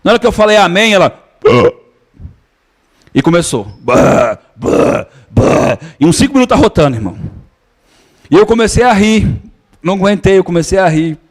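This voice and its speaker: A man's voice: high voice, animated, a little fast, pauses often. A man preaching a sermon, telling a healing story in a conversational way and calling his listeners brothers. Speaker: pastor.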